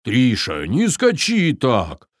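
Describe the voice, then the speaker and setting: A man voicing a brave, earnest little male viking in a children's story, calling out loudly. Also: mid-range voice, huge pitch swings, slow, no room sound, clean studio sound, full character voice. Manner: shouty, earnest.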